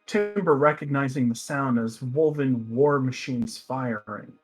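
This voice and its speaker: A man narrating a tabletop fantasy game as game master, halting and restarting his phrases as he describes. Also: medium pitch, faint music behind, low-quality recording.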